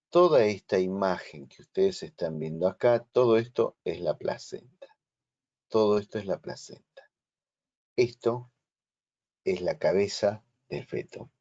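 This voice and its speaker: A man with a Rioplatense Spanish accent giving a slow, explanatory online lecture and checking that his students follow. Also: deep voice, a little mellow, highs cut off. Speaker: instructor. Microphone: video call.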